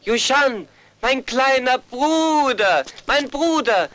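A man's voice: very high voice, animated, slow, sharp tone, no echo, exaggerated voice. A man dubbing a middle-aged older brother, kind and meek, fussing, often laughing and pleading. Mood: overjoyed. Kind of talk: German film dub.

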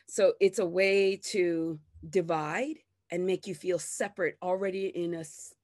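A woman with a slightly low voice rants straight to camera in a loose, unscripted way. She is candid and swears freely. She drops into exaggerated voices when she imitates what other people say. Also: a little mellow. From grew up partly in the United States. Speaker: host of a self-help channel. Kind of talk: casual unscripted rant to camera.

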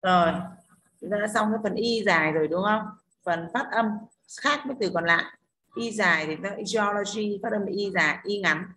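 Speaking at medium pitch and a moderate pace, a woman with a slightly bright voice leads an online English class. Her accent is Northern Vietnamese, and she breaks down pronunciation rules in steps, regularly checking in with "đúng không?".

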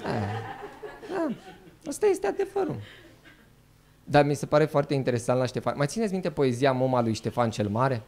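A man performing a stand-up comedy set, animated and mock-outraged, jumping into quick character voices. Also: medium pitch. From Romania. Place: live comedy venue.

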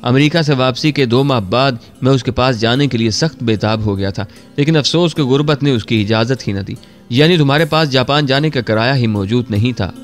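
Man narrating a war story. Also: mid-range voice. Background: faint background music.

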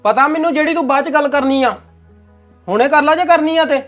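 A man's voice: very high voice, a little fast, fairly bright tone, faint music behind. A young man with a Punjabi accent acting a bossy, commanding husband in a domestic drama. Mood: stern.

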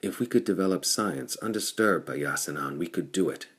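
A man's voice: low-pitched, animated, a little fast, fairly bright tone, breathy edge, full character voice. A man reading the lines of a bold adult male pirate chief who speaks in an earnest, determined way.

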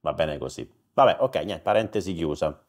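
A man hosting a casual chat, talking in a halting way with many restarts. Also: very deep voice, lively intonation. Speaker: host.

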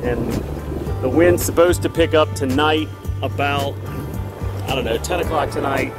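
A man's voice: a little high, unhurried, loud music behind the voice. A man narrating a sailing vlog from his boat, talking casually and rambling a little with fillers. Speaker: sailing vlogger. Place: on a sailboat at sea.

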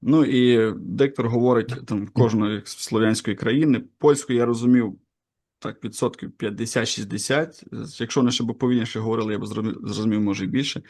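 A man's voice: mid-range voice, steady tone, a little fast, a little mellow. A man as interviewer, asking casual, curious questions and sharing his own anecdotes. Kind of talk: conversational interview.

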